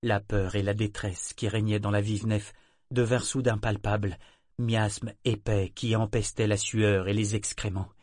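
Brief: male audiobook narrator, steady and measured, low-pitched, dry close recording. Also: no room sound. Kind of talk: scripted narration.

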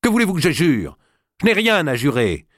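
A man playing a hot-tempered young king, shouting high and strained in a storybook reading. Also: wildly swooping pitch, brisk, no echo, clean studio sound. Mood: furious.

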